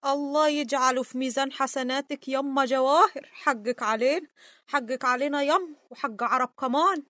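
A woman playing a sharp-tongued young granddaughter with an Egyptian accent. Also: high-pitched, moderate pace, dry recording, studio quality. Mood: apologetic. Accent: Egyptian Arabic.

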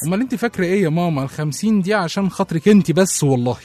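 Brief: Egyptian man, over-the-top indignant comic complainer, very fast delivery, light music behind. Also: sits high, lively intonation, a little mellow. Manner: exaggerated indignant complaining, laughing often. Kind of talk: comedic sketch dialogue.

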